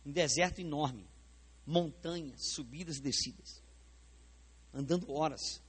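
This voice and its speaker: Speaking unhurriedly in a fairly high, slightly rough voice, a man with a Brazilian Portuguese accent preaches a sermon in the church sanctuary. He stays animated, staging a live demonstration and questioning the congregation directly.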